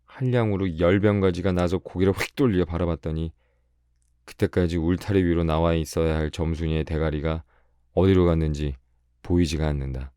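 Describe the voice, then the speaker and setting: Male audiobook reader, very low warm voice, calm measured bedtime reading, dry close mic. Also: clean tone, no echo.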